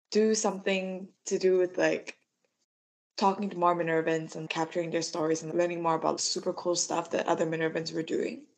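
A young woman from Malaysia, co-founder and lead editor of a podcast, talking in an easygoing, rambling way. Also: lowish voice. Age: young adult. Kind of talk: casual chat.

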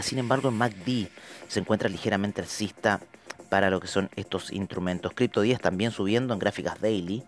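A man hosting a crypto market show, giving live commentary in a conversational way with rhetorical asides to the viewers. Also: lowish voice. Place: studio with trading screens, indoors.

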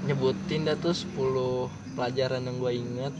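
A man's voice: mid-range voice, level tone, normal speed, background noise. A young man with a Jakarta slang accent, telling a story in casual chat, sheepish and laughing. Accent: Jakarta slang Indonesian.

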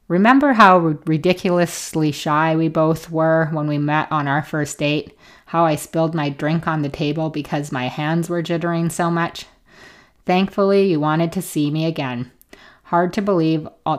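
A woman hosting a casual podcast, reading listener letters aloud in a gentle, chatty way. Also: low-pitched. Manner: reads gently, laughs easily, chatty asides.

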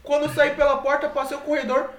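A man's voice: very high-pitched, monotone, quick pace, fairly bright tone, a little hiss or hum. A young man with a Brazilian accent telling stories casually and animatedly, with slang and swearing. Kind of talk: casual chat. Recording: echoey room.

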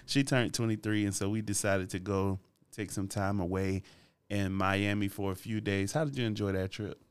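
Laid-back man with a smooth, low voice. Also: steady tone, normal speed. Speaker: podcast host. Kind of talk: casual faith-based podcast chat.

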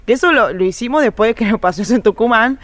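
Animated Rioplatense woman telling stories. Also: fairly high pitch, fast, dry recording. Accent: Rioplatense Spanish. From Buenos Aires. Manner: animated, laughing, acts out dialogue. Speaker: guest, women's football organizer. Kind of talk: casual storytelling interview.

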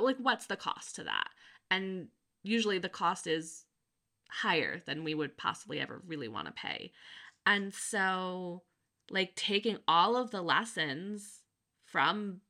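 Woman in her 30s, bright voice, chatty and reflective, lots of "like" and little laughs, podcast co-host. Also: fairly low pitch, lively intonation, takes it slowly. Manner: reflective, laughs often, many fillers. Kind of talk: casual chat.

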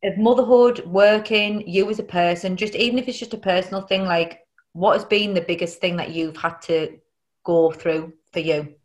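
A woman's voice: fairly low pitch, steady tone, moderate pace, dull audio. A woman hosting a casual interview, talking in an encouraging, blunt, informal way. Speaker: podcast host.

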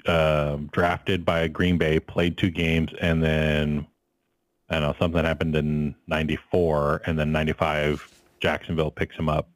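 A man's voice: extremely low pitch, dry recording. A man co-hosting a casual sports podcast, swearing freely while he checks facts aloud. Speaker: podcast co-host.

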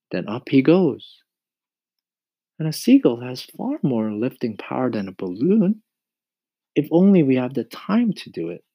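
A man voicing a calm, resourceful young boy in a storybook reading, earnestly explaining a plan. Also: medium pitch, no echo, pitched above the performer's own voice.

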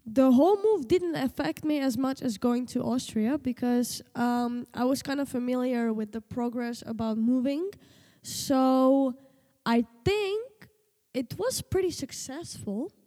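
The host's daughter, a Slovenian teen speaking her native tongue, joins as a guest and chats in a casual, hesitant way with frequent fillers and restarts. She speaks unhurriedly in a high, dark-toned voice that echoes as in a large hall.

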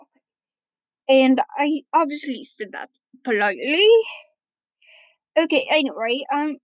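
A woman's voice: high voice, expressive, a little slow, no echo, low-quality recording. A woman playing a forgetful old winged-wolf grandpa. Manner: rambling, loses his train of thought.

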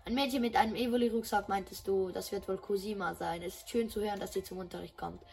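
A woman's voice: medium pitch, steady tone, fast talker, creaky, darkish tone, close to an everyday voice. A woman voicing a polite, formal male school principal in a game dub, with slight stumbles. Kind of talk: dubbing game dialogue.

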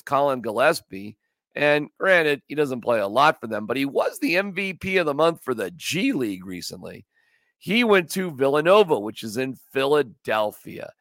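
A man with a fairly high, gravelly voice chats loosely about sports as the host of a podcast. His pitch swings all over as he jokes and rambles. The sound is close and dry, with no room to it. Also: bright, forceful tone, no echo. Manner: joking, rambling, does silly voices. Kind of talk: casual sports chat.

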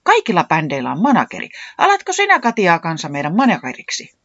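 A storyteller voicing an excitable dog who sings lead in a band, shouting high and loud. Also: no room sound, dull audio, heavily acted. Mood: excited. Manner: loud, exclamatory, high-pitched.

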